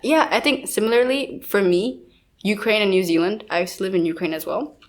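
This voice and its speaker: A young woman from India co-hosting a casual podcast. Her voice sits in a middle range. She talks in a chatty, relaxed way and often says "like.". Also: medium pitch, fairly quick. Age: young adult. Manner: chatty, lots of "like" and "I feel like". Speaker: podcast co-host.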